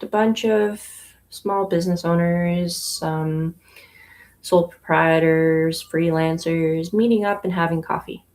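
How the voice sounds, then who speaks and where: Knitting inside her own yarn shop, this young adult Canadian woman talks to her livestream viewers in an easygoing, unhurried way. She speaks in a lowish voice and fills the gaps with lots of pauses and ums.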